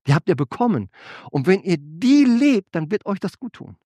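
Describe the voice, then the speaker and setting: Animated high-voiced German preacher. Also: male voice, moderate pace, no echo. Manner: animated preaching with rhetorical questions to the congregation. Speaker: pastor. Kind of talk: sermon.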